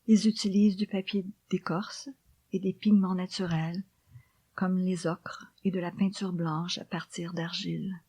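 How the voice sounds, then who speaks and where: A woman reading memoir and poems in a soft, hushed library whisper, with slow, deliberate phrasing. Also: fairly low pitch, level tone, husky, no room sound. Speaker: author reading her own book.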